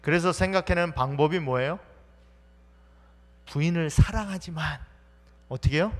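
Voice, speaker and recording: A man pastor preaching a sermon, asking the congregation questions and answering them himself, acting out the people in the story. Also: a little high. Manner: acts out quoted speech of the story's people. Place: church sanctuary. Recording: church hall reverb.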